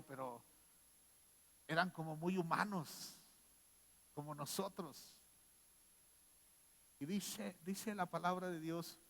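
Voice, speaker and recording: A pastor preaches a sermon, shifting between quiet readings of scripture and loud, shouted exhortation. His voice is on the high side, and the sound has a long reverb tail.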